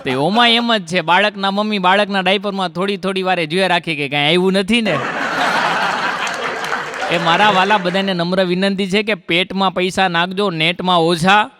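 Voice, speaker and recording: A man's voice: high voice, steady tone, heavy background noise. A male comedian, reciting rhymed couplets and telling jokes to a live audience on stage. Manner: rhythmic couplet recitation then rapid joke telling. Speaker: stand-up comedian. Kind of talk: Gujarati folk comedy on stage. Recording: dry close mic with hall reverb. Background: audience laughter.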